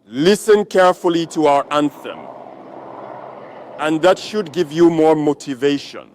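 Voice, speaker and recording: A man's voice: on the high side, measured pace, darkish tone, slight background noise. A man giving a rallying political speech to troops as a military leader, exhorting them with repetition and rhetorical questions.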